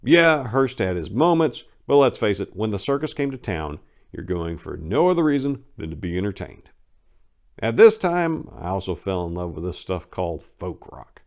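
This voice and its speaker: Reading his comic memoir aloud in the first person, this American narrator has a voice on the low side with a sing-song lilt at normal speed. The performance is dramatic but conversational, full of wry self-deprecation.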